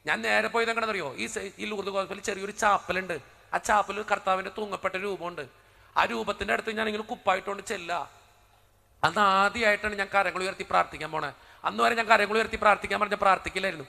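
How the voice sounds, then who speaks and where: Fast, high, gravelly-voiced priest preaching. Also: male voice, fairly even intonation, sharp tone, big-room sound. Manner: dramatic storyteller who acts out the dialogue. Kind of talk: sermon told as a personal story.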